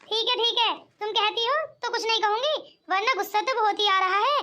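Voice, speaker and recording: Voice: very high voice, fairly even intonation, brisk, pushed and bright. A woman doing a protective cartoon sister-in-law. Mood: annoyed. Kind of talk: cartoon voice acting.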